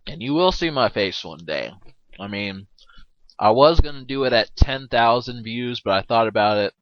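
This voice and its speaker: A man's voice: mid-range voice, expressive, moderate pace, no echo. A man giving casual, rambling movie commentary, full of fillers and jokes. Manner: rambling, filler-heavy, joking with frequent laughs. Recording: dull, dry lo-fi mic.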